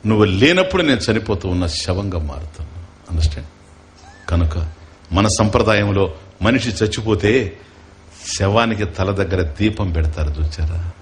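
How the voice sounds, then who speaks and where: A man delivers a scripture discourse as a spiritual teacher. His pitch swings widely from low murmurs up to raised, emphatic lines. He keeps asking his listeners rhetorical questions and chants verses.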